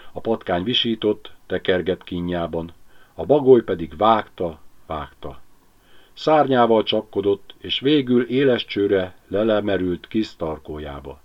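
Male audiobook narrator, low and very lively delivery, lo-fi sound. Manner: expressive storytelling. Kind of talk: audiobook reading.

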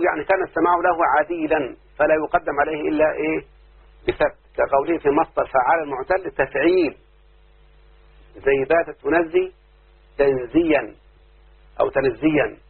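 An Egyptian sheikh teaches grammar to his class, raising questions and waiting for the students to answer back. His voice sits fairly high and carries a gravelly, very husky grain. The sound is thin and phone-like. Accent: Egyptian Arabic. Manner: quizzes students constantly, patient and repetitive. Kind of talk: classroom lesson with call-and-response questions. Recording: tinny phone-like low-fidelity recording.

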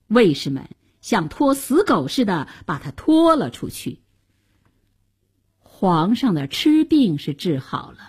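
A woman narrating a traditional tale in a dramatic, expressive storytelling manner for broadcast. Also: medium pitch, slightly rough.

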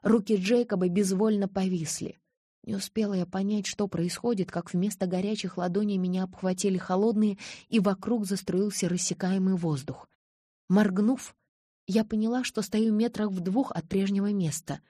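A woman narrating a novel in the first person, expressive and lively. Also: medium pitch, moderate pace, dry recording, clean studio sound. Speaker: audiobook narrator.

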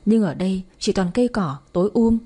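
A woman narrating a story in a soft, even storytelling voice. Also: mid-range voice, fairly quick, husky.

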